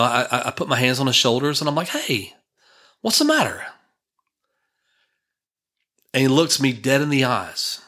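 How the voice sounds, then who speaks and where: Bright-voiced man telling a family story. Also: medium pitch. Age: 50s. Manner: rambling, digressive, conversational. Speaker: church minister. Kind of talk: personal storytelling.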